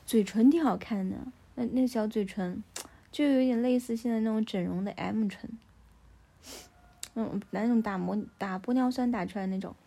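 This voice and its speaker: Her voice is on the high side, creaky and mellow, at a normal speed, as she chats casually about her family. She often asks the listener whether they follow, saying "you know?"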